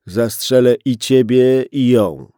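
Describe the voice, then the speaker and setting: A man voicing a desperate armed man under forty, with a hoarse, strained and threatening voice. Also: mid-range voice, slow pace, warm tone, no room sound, studio quality, natural voice. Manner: threatening, insistent.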